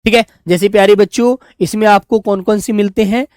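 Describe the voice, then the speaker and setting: A man's voice: high-pitched, fairly even intonation, darkish tone, clean tone, no echo. Coaxing male grammar teacher, dry close mic. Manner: drawn-out, repetitive, coaxing tone toward pupils. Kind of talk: online grammar class.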